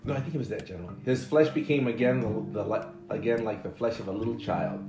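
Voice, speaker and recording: A woman's voice: very deep voice, fast talker. A sick, coughing middle-aged mother chatting casually with her family at home and reading the daily scripture aloud with jokes and explanations. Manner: chatty, jokey, explains as she reads. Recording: roomy home recording with music behind.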